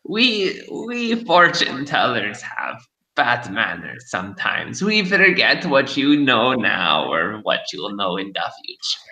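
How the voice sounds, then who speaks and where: A man voicing a knowing old crone fortune teller with a high, cackling old woman's voice in a tabletop game. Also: big pitch swings, slow pace, sharp tone, roomy sound, heavily acted, low-quality recording. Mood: mysterious. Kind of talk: tabletop role-play.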